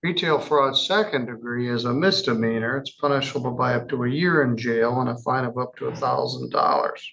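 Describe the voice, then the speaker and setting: A man's voice: mid-range voice, vocal fry, a bit bright, highs cut off. Formal male judge on the bench. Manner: measured, formal reading of charges with casual asides. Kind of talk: courtroom proceedings. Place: courtroom.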